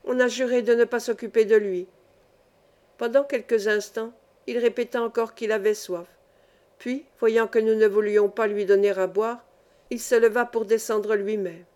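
A woman narrating a classic novel as an audiobook in a measured, even way. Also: on the high side. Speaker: audiobook reader.

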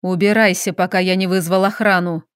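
A woman voicing a jealous, protective Italian man who growls low and pleads softly. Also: fairly even intonation, brisk, clean tone, no echo, clean studio sound, lightly acted. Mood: growling.

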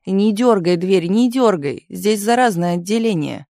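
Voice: medium pitch, expressive, a little slow, creaky, a little mellow, no echo. A reader voicing a stern older hospital nanny, curt and scolding, in a dry studio recording.

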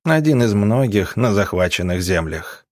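Man reading an audiobook, lowish voice, measured, dry close mic. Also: expressive, darkish tone, no room sound. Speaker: narrator. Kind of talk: audiobook narration.

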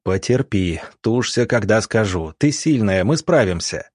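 Field doctor, voiced by the narrator; low, terse, firm commands. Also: male voice, expressive, measured pace, darkish tone, no echo, studio quality. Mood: commanding. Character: calm authoritative field doctor, middle-aged man.

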